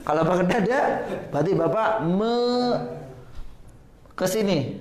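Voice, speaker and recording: A man's voice: high-pitched, animated, slow, a little mellow. A man teaching Quran pronunciation in a live class, patiently correcting students and demonstrating letter sounds. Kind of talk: live tajwid class instruction. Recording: echoey room.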